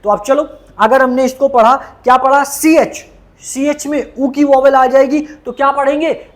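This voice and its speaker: A male shorthand teacher, slowly drilling vowel sounds and spellings and quizzing his students as he goes. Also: very high voice, steady tone. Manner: slow, repetitive drilling with frequent questions to students. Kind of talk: classroom lesson.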